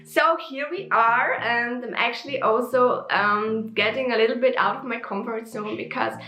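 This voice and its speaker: A young Swiss woman, a native German speaker with a Swiss German accent, chats openly in her personal vlog, with frequent ums and self-corrections. Her voice sits on the high side at a normal pace. The recording is rough, in an echoey room with a crowd audible behind her.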